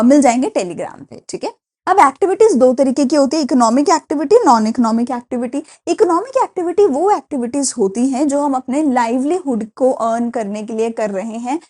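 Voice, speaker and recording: Young Indian woman teacher, high mellow voice, lecturing with rhetorical questions. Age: young adult. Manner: explains with many rhetorical questions and repeated checks with the class. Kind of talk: classroom lecture.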